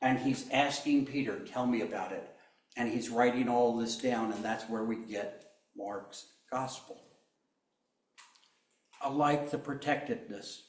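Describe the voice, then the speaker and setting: A man's voice: medium pitch, fairly even intonation, unhurried, echoey room. A man preaching a sermon, telling the story with humor and acting out the quoted lines. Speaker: pastor.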